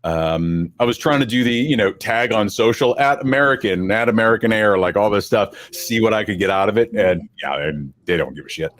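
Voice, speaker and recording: A man's voice: lowish voice, a little fast, few pauses, a bit bright. Easygoing man hosting a chatty podcast. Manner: easygoing, rambling, teasing. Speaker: podcast host. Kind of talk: casual podcast chat.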